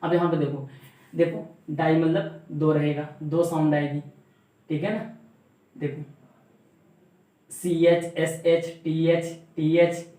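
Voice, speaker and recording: A man's voice: on the high side, level tone, slow pace, pauses often, warm tone. A man teaching a class, repeating example words and asking the learners questions back. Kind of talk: classroom grammar lesson. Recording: very echoey room.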